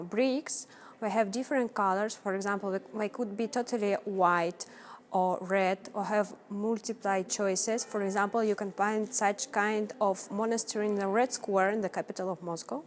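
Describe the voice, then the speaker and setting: A woman with a Russian accent giving an informal explanation, halting with frequent fillers. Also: mid-range voice, fairly even intonation.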